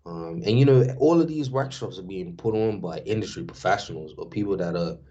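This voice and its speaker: Deep-voiced Bermudian man, dull lo-fi sound. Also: expressive, brisk, mellow. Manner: loose, conversational, street-casual phrasing. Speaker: guest, DJ and culture worker. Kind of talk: casual podcast chat.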